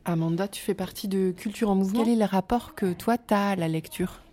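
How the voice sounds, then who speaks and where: A woman's voice: medium pitch, brisk, loud music behind the voice. A woman interviewing a guest, asking friendly, direct questions.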